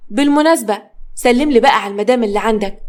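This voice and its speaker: A woman's voice: on the high side, racing, darkish tone, natural voice. A woman with an Egyptian accent voicing a mocking male gangster who threatens over the phone. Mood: taunting. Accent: Egyptian Arabic.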